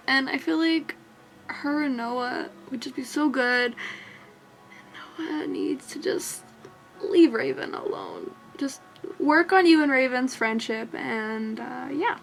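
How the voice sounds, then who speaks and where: A woman giving casual reaction commentary on a web series, animated, swearing and laughing often. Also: sits high, creaky. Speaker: reaction vlogger.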